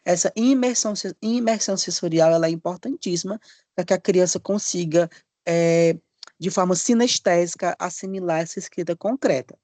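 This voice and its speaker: A man's voice: high voice, darkish tone, no room sound. Male literacy teacher streaming a lesson. Friendly and demonstrative, stretches sounds, checks in often, dry close sound. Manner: drawn-out demonstrations of letter sounds; frequent checking tag questions. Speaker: literacy course instructor. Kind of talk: live online teacher training lesson.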